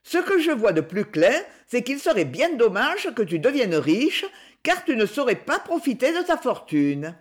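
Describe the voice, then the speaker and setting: A woman's voice: big pitch swings, moderate pace. A woman doing a sneering spiteful young woman. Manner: sneering, shrill, scornful.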